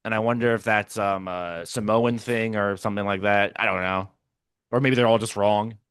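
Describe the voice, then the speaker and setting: A man's voice: lowish voice, fairly even intonation, normal speed, a bit bright, clean tone, dry recording. Man reacting live to a sports draft. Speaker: podcast co-host. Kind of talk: casual draft reaction chat. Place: hotel room.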